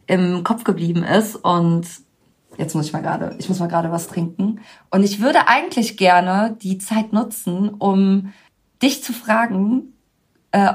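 A woman's voice: on the low side, husky. A woman hosting a podcast in casual chat, talking freely and laughing often as she tells stories. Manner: chatty, laughs often, lively storytelling. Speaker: podcast host.

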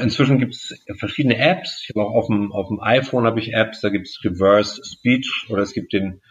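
A man being interviewed as a guest, explaining at length in a measured way with frequent fillers. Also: on the low side, muffled recording. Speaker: guest speaker and magician. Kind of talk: podcast interview answers.

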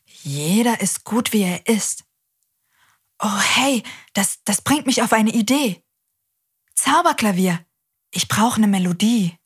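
Breathy kids show host lady, cheerful and reassuring, talks right to the kids. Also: medium pitch, lively intonation, slow pace, pauses often. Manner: cheerful and reassuring, addresses children directly. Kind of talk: children's show presenting.

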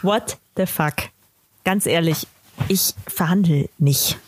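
A woman's voice: lowish voice, slow pace, slight background noise. A young woman co-hosting a podcast in casual chat, who laughs easily.

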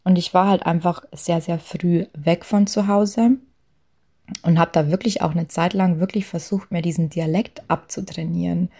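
A young Lower Bavarian woman with a light accent chats casually at a moderate pace through coaching points for a talk on authenticity at work. She sounds a bit low, dark, and mellow, with gravelly fry. Fillers, little asides, and soft laughs come up often.

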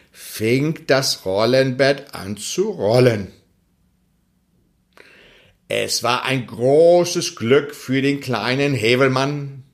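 Man reading a kids story super slowly, voice rising and falling a lot, little ums here and there. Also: medium pitch, a bit bright. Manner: slow, deliberate, with hesitant fillers. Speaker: storyteller and foundation spokesman. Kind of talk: reading a children's tale, then commentary.

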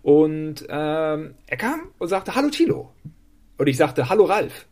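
A man chatting casually as a podcast co-host, an animated storyteller who laughs while telling his jokes. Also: on the high side, a little slow. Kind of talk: casual chat.

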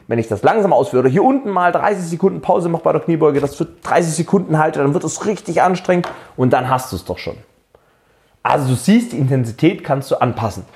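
A man's voice: medium pitch, a little mellow. A man giving fitness coaching straight to the viewer, explaining home workouts and asking direct questions to push motivation. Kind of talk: direct-to-camera fitness advice.

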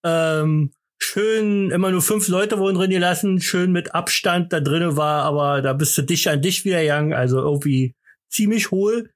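A tipsy German man co-hosting a podcast, joking and teasing with loud bursts of laughter. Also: a little high, normal speed. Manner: boisterous, laughs loudly, teasing. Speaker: podcast co-host. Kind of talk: casual comedic banter.

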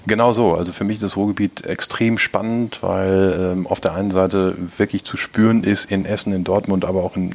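Man, 50s, from East Westphalia, very low gravelly voice; measured, hesitant interview guest. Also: a little mellow. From East Westphalia, Germany. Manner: hesitant, many filler sounds, measured. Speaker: interview guest, business executive. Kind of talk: casual interview talk.

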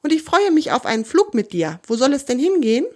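A woman's voice: high voice, big pitch swings, fairly quick, voice pushed up. A woman voicing a friendly, cheerful giant female albatross in a children's storybook reading.

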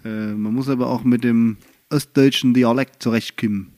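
A man's voice: mid-range voice, steady tone, normal speed, a little mellow. A man co-hosting a casual podcast, chatty and joking, laughing easily. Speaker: podcast co-host.

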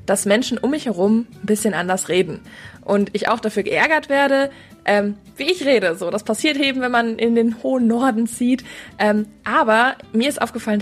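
A young woman, a student, chats casually on a campus radio show. She tells her stories in a relaxed, amused way. Her voice sits at an everyday middle pitch. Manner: chatty, amused storytelling. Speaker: student co-presenter. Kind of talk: casual chat.

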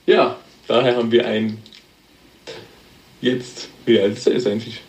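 A German man in his thirties chats casually as a podcast guest, loose and rambling, full of fillers and laughs. His mid-range voice is gravelly and moves at a moderate pace.

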